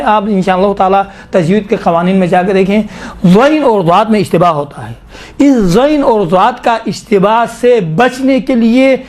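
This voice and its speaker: A middle-aged man teaching a class on Quran recitation. He explains step by step and slowly recites and repeats verses to show how they are said. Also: high voice. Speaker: tajweed teacher.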